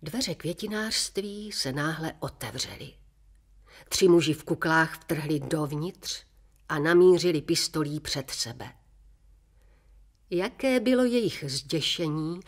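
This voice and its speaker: Woman reading a story, low-pitched. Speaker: story reader. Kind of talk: reading a children's story aloud.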